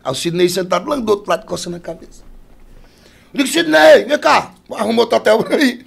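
Um cantor de forró nordestino, homem, contando histórias de bastidor de forma animada, imitando as vozes das pessoas. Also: male voice, high-pitched, quick pace, creaky, breathy edge. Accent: Northeastern Brazilian. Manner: animated, acts out quoted voices. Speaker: forró singer, podcast guest. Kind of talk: casual storytelling.

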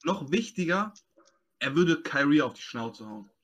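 A man's voice: on the high side, very animated, unhurried, fairly bright tone. A young man chatting casually in slang, making emphatic, exaggerated points about sport. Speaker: podcast panelist.

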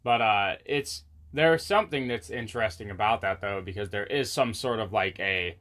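A man's voice: on the low side, moderate pace, a bit bright. A man chatting casually as a podcast co-host, with loose, slangy, informal phrasing. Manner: laid-back slangy phrasing, peppered with "like" and "dude". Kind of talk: casual chat.

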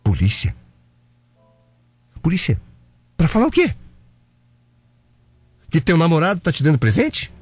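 A clingy, obsessive young stalker with a Brazilian accent, in a radio drama. His voice is slightly husky and swings widely in pitch as he turns from sweet to indignant. A faint music bed plays behind him. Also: huge pitch swings, measured pace, pauses often, no room sound, exaggerated voice. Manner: smothering, falsely sweet, pushy.

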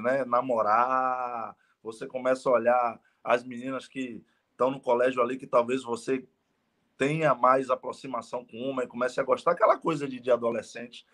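A man, a guest telling his life story in a casual live interview and earnestly repeating phrases for emphasis. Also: medium pitch. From Salvador, Bahia, Brazil. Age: 30s. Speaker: guest entrepreneur.

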